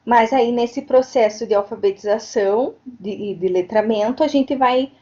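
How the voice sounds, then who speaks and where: A woman's voice: on the high side, normal speed, mellow. A woman giving an online lecture as a teacher educator, explaining at length and often tagging on questions to check understanding. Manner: explanatory, frequent tag questions. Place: home, virtual meeting. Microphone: computer mic on a video call. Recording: dull lo-fi online recording.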